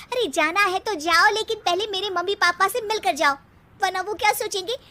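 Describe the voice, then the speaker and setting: A sharp-tongued young cartoon wife, played by a woman, exasperated and scolding. Her voice is extremely high, with a bright, piercing edge. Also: normal speed. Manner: nagging, scolding.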